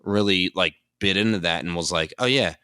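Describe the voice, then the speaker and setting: Casual chat co-host, low bright voice, dry close sound, rambling with fillers. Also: male voice, fairly even intonation, a little fast, clear, resonant tone, no room sound. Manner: rambling, thinks aloud with many fillers. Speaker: podcast co-host; dancer.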